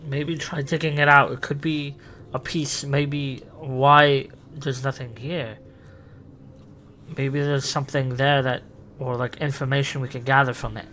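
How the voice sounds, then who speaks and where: A man playing a curious, protective time-travelling alien guide in an improvised sci-fi roleplay, speaking in a halting, theatrical way. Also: medium pitch, level tone, sharp tone, slight background noise. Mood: encouraging.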